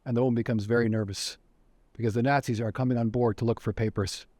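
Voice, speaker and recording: A man's voice: mid-range voice, steady tone, quick pace, darkish tone, no room sound. A man giving a recorded educational lecture as director of education, telling stories earnestly. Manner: earnest storytelling.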